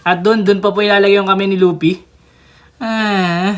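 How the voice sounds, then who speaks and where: A young woman giving casual unboxing commentary on a figure, chatty, with excited exclamations and little giggles. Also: medium pitch, moderate pace. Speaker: toy reviewer.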